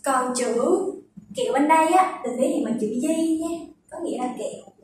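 A young woman teaching Japanese vocabulary, patiently explaining and slowly repeating words to show their pitch accent. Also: animated, a little mellow, a little hiss or hum. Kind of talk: vocabulary lesson. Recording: very echoey room, distant from the mic.

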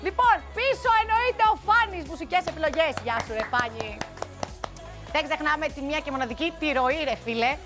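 A woman's voice: high-pitched, animated, music in the background. A young woman hosting a daytime TV show, chatting playfully to camera and teasing her crew in a studio. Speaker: TV show host. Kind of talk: lively studio chat to camera.

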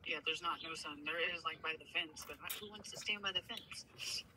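A woman's voice: deep voice, normal speed, sharp tone, slight background noise, poor audio. A young woman chatting casually inside a car, talkative and complaining about the cold.

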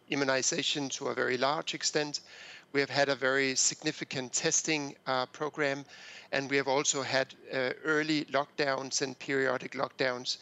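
A middle-aged Danish man with a Danish accent, a public health expert speaking in a remote news interview over a headset, measured and hesitant with many fillers. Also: mid-range voice, pushed and bright, low-quality recording. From Denmark. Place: small home office indoors. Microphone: headset mic on a video call.

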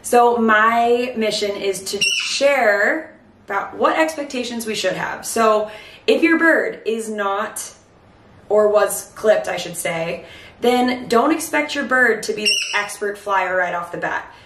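A woman's voice: medium pitch, animated, takes it slowly, fairly bright tone, slight background noise. A woman in her thirties giving chatty, explanatory tips to camera in a casual way, a little short of breath. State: breathless from late pregnancy. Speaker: host of a pet bird channel. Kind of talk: casual instructional talk to camera. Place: home kitchen, indoors. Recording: echoey kitchen, distant mic.

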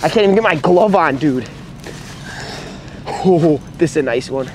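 A young man chatting excitedly while ice fishing outdoors on a frozen lake, picked up by a camera mic on the ice. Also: fairly high pitch, normal speed, slight background noise. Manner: excited, chatty, explains his tackle. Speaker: fishing vlogger. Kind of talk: casual outdoor commentary.

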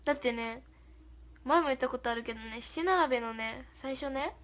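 A woman's voice: high voice, normal speed, fairly bright tone. A young woman hosting a casual livestream, reading viewer comments aloud, thanking them, and giggling often. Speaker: idol livestream host.

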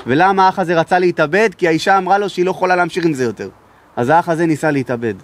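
Rabbi giving a lesson, high pitch, emphatic and loud at times. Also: male voice, a little hiss or hum. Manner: raises his voice to be heard, emphatic. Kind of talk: sermon with storytelling.

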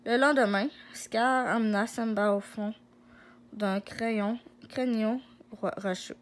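A woman reading a children's story aloud, slow, with frequent slips and restarts. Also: a little high, steady tone.

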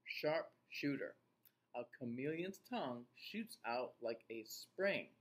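During a picture-book read-aloud for young children, a middle-aged male teacher takes his time, his voice rising and falling in animated swings. He reads deliberately and with expression, breaking off to pose questions to the listeners.

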